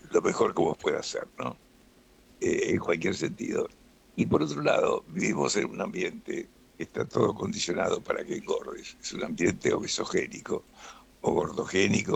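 A man with a deep, creaky, husky voice and a Rioplatense Spanish accent speaks as a doctor guest in a radio interview. He explains things in a relaxed way, often adding "¿no?" at the end.

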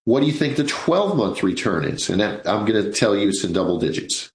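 A man's voice: lowish voice, sing-song, a little fast, echoey room, low-quality recording. Chatty man in his sixties hosting radio. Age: 60s. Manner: chatty, folksy, addresses listeners as folks. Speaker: radio show host. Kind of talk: live financial radio talk.

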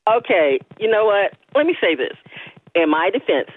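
A woman's voice: mid-range voice, big pitch swings, normal speed. A woman calling into a radio show over the phone, talking animatedly and close to the receiver. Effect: heard over a phone line. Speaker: radio call-in guest. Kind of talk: casual phone chat. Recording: tinny phone line.

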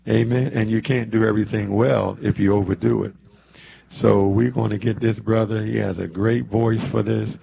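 A man's voice: fairly low pitch, steady tone, normal speed, vocal fry, dark tone. A man in his seventies hosting a church radio show from the studio, talking in an easy preacherly way and dropping amens as he goes. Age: 70s. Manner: preacherly, peppers talk with amens. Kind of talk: casual church radio talk.

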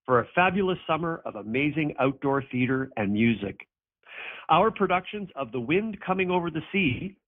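A man promoting a theater season in a friendly, upbeat recorded message heard over a landline phone. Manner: upbeat, friendly sales pitch. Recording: narrow phone-line sound.

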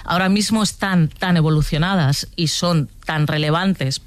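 Higher-pitched Spanish man explaining emphatically. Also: moderate pace, no echo. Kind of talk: conversational radio commentary.

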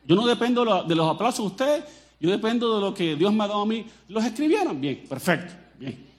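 Colombian pastor guy preaching, pretty high voice, jokey and animated, talks right at the crowd. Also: fairly quick. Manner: animated and joking, addresses the crowd directly. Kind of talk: sermon to a congregation.

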